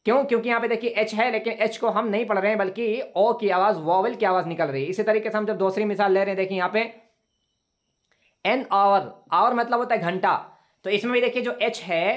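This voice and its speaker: Guy teaching english on a video call, patient, repeats stuff, drags out the examples slow. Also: high voice. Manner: patient, repetitive explaining, slowly drawn-out example sentences. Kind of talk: online class lecture.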